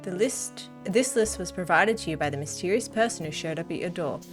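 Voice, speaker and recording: A woman's voice: on the low side, lively intonation, a little fast, soft background music. A woman hosting a casual let's-play, chatting in a self-deprecating way and reading game text aloud. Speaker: gaming channel host.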